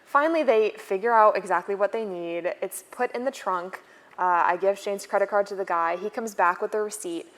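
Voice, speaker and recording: A woman's voice: medium pitch, a little fast. A woman in her twenties telling a story on a conference stage in a chatty, playful way. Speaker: keynote co-speaker. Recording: long reverb from the hall.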